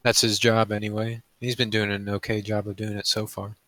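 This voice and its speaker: Low flat-voiced man roleplaying. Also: a little fast, no room sound. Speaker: player. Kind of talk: in-character tabletop roleplay.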